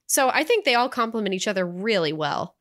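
A woman co-hosting a film review podcast, chatting in an animated way with frequent fillers. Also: mid-range voice, brisk. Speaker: podcast co-host. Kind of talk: casual film review chat.

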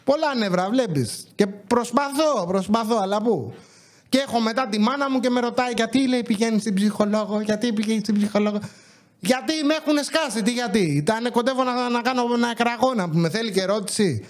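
A man hosting a podcast, telling exasperated comic stories from his supermarket job and acting out the dialogue. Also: very high voice. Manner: animated, exasperated, acts out dialogue. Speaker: podcast host, supermarket worker. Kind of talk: comedic storytelling.

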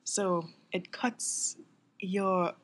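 A young adult woman co-hosting a casual podcast, chatty and quick to laugh, trailing off with filler words. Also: medium pitch, flat delivery. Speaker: podcast co-host. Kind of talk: casual chat.

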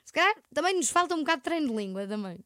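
A woman's voice: high-pitched, very animated, rapid-fire, pushed and bright, no echo, clean studio sound. A young woman with a European Portuguese accent, co-hosting a casual chat podcast and telling stories in a rambling way with frequent laughs. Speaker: podcast co-host.

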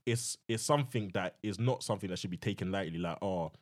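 A man's voice: sits low, fast. A young man with a London roadman accent, chatting in heavy slang and repeating phrases for emphasis on a group podcast. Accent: London roadman, multicultural London English. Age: young adult. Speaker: podcast co-host. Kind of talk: casual slangy group chat.

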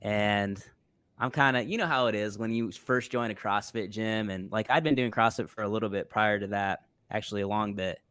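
A man hosting a casual interview podcast, telling stories in a relaxed way and laughing often. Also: fairly low pitch, normal speed, clean tone, no room sound. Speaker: podcast host.

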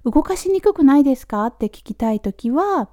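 A Japanese woman giving a casual spoken English lesson, repeating model phrases slowly, with Australian-flavored English. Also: sits high, expressive, dark tone, dry recording, studio quality. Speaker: English teacher for nurses.

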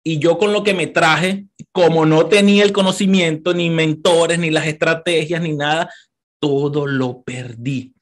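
Speaking a little slowly with fairly even intonation, a motivational speaker in his thirties addresses an audience in a Venezuelan Spanish accent. He's emphatic, rising to passionate high points, repeating words and talking directly to the listener.

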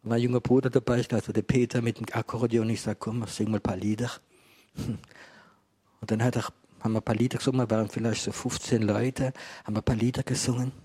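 Husky man preaching a testimony. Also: mid-range voice, little pitch movement, fast, warm tone. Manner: storytelling, acting out dialogue. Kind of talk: testimony sermon to a live audience. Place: room with a gathered audience.

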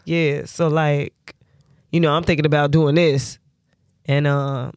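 Woman putting on a low, slack, noncommittal guy. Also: little pitch movement, takes it slowly, darkish tone, smooth, no echo, clean studio sound. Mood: slack, hesitant. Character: laid-back, noncommittal ordinary man. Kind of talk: comic impression in casual chat.

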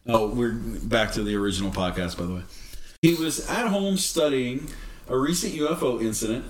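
A man's voice: medium pitch, echoey room. A man co-hosting a podcast in casual chat. He reads a story aloud and breaks off into jokes and laughter. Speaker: podcast co-host. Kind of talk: casual chat and script reading.

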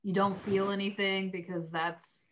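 A woman's voice: mid-range voice, flat delivery, a little slow, a bit bright, a little hiss or hum. A woman co-hosting a podcast, chatting casually and supportively, laughing often. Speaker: podcast co-host. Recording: dull, lo-fi sound.

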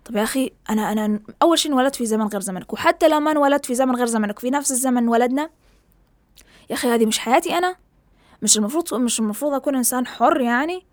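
A woman's voice: on the high side, rapid-fire, no echo, studio quality. A young woman, giving an impassioned, ranting opinion monologue and mixing in English words.

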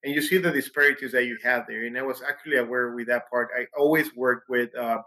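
A man's voice: mid-range voice, fairly even intonation, quick pace, pushed and bright, poor audio. A man from Mexico, a pediatrician answering interview questions animatedly with frequent restarts.

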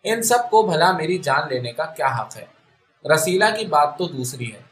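A man narrating a literary short story in a steady, measured reading style. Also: a little high. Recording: echoey room.

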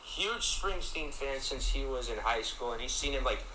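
A man's voice: mid-range voice, expressive, moderate pace, pushed and bright. Young guy rambling on his podcast, upbeat, bit of echo and faint hiss. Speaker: podcast host. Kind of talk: casual family podcast chat. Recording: echoey room with faint noise.

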